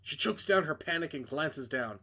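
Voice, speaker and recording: A man performs a visual novel as dramatic narration in a fairly high, bright, pushed voice with lively intonation at a normal speed. He throws in off-the-cuff asides and stumbles over words, then corrects himself.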